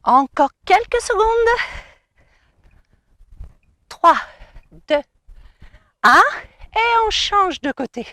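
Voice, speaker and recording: A woman's voice: very high-pitched, sing-song, very slow, pauses often, bright, forceful tone, no echo. A woman fitness coach guiding a cardio workout outdoors, giving encouraging, coaxing cues and counting down. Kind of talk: guided cardio workout instruction.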